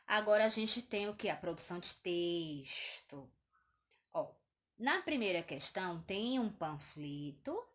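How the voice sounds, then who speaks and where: A woman's voice: lowish voice, a bit bright. A woman teacher with a Brazilian accent, patiently going over a test in a video lesson for young pupils, checking in with "tá?" often. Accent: Brazilian Portuguese. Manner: slow, patient, uses diminutives and "tá?" checks. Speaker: primary school teacher.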